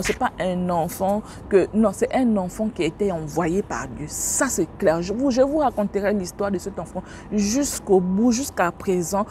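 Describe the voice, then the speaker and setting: A woman telling a personal religious testimony to listeners, lively and expressive, acting out the dialogue as she recounts it. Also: a little hiss or hum. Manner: animated, acts out dialogue with shifting pitch; religious exclamations, addresses listeners directly. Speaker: believer sharing a testimony.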